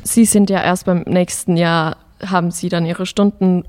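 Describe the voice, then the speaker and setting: A woman with a somewhat low voice, conducting an interview. She asks her questions politely and formally. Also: fairly even intonation, moderate pace, darkish tone. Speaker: interviewer, project participant.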